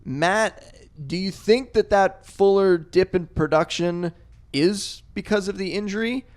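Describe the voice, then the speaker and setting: A man's voice: sits high, a little slow. A man hosting a casual podcast, laying out stats before asking his guest a question. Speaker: podcast host.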